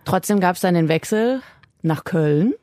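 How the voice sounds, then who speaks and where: A woman's voice: fairly low pitch, expressive, a little slow, dark tone, no echo, clean studio sound. A woman hosting a podcast interview, asking casual, probing questions. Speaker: podcast host.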